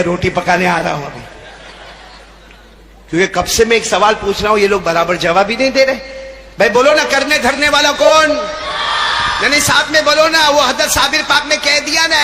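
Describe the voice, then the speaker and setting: A man preaching to a live gathering. He jokes, quizzes the crowd, and swings between soft asides and shouts. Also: extremely high pitch, in a large hall, noisy background. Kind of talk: lively storytelling sermon. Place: live religious gathering with a stage.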